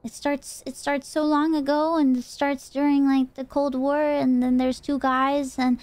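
A woman's voice: high voice, flat delivery, measured pace, a little mellow, no room sound. A drunk woman livestreamer telling a story casually in a loose, rambling way. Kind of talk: casual storytelling, retelling a game plot.

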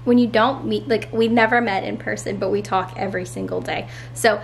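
A woman's voice: medium pitch, steady tone, a little fast, gravelly, a little hiss or hum. A young woman, a stay-at-home mom, chatting casually to camera at home in a bubbly way, with lots of fillers. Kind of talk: casual vlog chat to camera. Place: family home.

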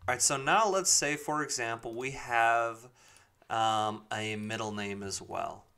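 A man giving a casual step-by-step software tutorial in an informal way, thinking aloud as he goes. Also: mid-range voice, unhurried. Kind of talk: casual screen-recorded spreadsheet tutorial.

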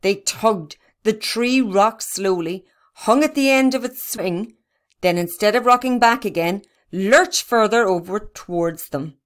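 A woman narrating a children's storybook in a steady, even reading. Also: medium pitch, a little slow. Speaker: reader.

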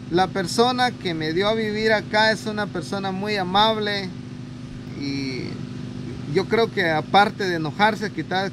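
A man in his thirties with a Guatemalan accent, hosting a charity vlog outdoors, earnest and speaking straight to viewers. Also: sits high. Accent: Guatemalan Spanish. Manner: earnest, religious phrases, addresses viewers. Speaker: host of a charity video channel. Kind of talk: casual vlog narration and interview. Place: outdoors in a rural yard under trees. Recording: outdoor recording with traffic noise.

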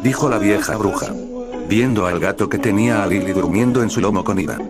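A man's voice: on the low side, a little fast, over loud music. A man reading scripted horror story narration as the storyteller.

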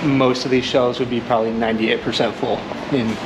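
Young man, casual walking tour, filler-heavy talk, handheld camera, loud warehouse. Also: medium pitch, little pitch movement, a little fast. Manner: easygoing, many "I mean" and "uh" fillers. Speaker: company staff guiding a factory tour. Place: large indoor warehouse and assembly floor. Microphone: handheld wide-angle camera. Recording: loud warehouse background noise.

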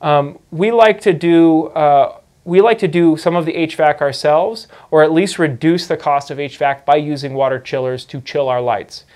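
A man's voice: on the high side, fairly even intonation, moderate pace, a little mellow. A man in his thirties explaining a farming topic to camera in a studio, talking conversationally with frequent fillers and restarts on a lapel mic. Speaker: indoor farming educator.

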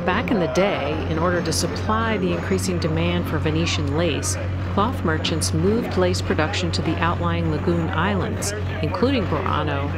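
A voice-over narrator reading a short scripted explanation in an even, informative way. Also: mid-range voice. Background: loud background music.

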